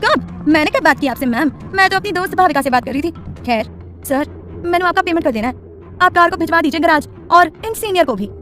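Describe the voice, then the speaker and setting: A hot-headed young college girl talks in a brash, slangy, dramatic way, as a woman acts her out. Her voice sits high and her words tumble out fast. Faint music plays under an audio story. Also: lively intonation, a bit bright. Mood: defiant.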